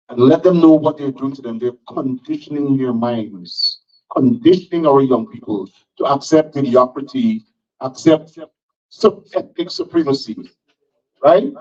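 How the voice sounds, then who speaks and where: A man on a town hall panel giving an impassioned speech, emphatic and rising to sharp outbursts. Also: a little high. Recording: distant, dull lo-fi sound.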